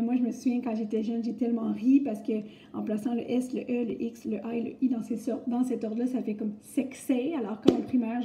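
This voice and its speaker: A woman's voice: a little high, dark tone. A young woman with a Québécois French accent giving a recorded grammar lesson, explaining step by step in a chatty way with many fillers. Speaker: French teacher. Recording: echoey, muffled room recording.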